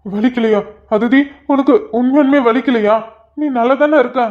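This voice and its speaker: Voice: mid-range voice, moderate pace, lo-fi sound, natural voice. A young husband in a cartoon, fretful and pleading, who keeps repeating himself. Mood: indignant. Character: devoted, worried young husband. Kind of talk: cartoon voice acting.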